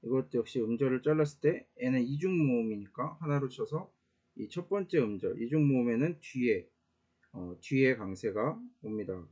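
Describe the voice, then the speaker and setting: A man teaching a casual online Latin grammar lesson, explaining slowly with many "uh" fillers and small self-corrections. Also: mid-range voice, dark tone, slightly rough, lo-fi sound.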